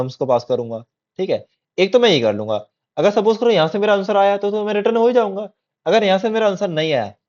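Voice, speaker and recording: Male coding tutor, casual lesson, a bit high-pitched, muffled lo-fi audio. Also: a little mellow. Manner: chatty, repetitive, keeps checking in with "theek hai". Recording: dull lo-fi recording.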